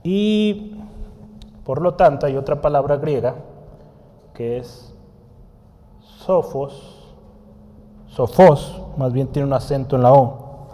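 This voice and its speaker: A man's voice: mid-range voice, slow, long pauses, mellow. A man giving a teaching sermon in a conversational way, asking the congregation questions and writing on a board as he explains. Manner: writes on a board while teaching. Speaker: preacher. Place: church hall. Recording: long church hall reverb.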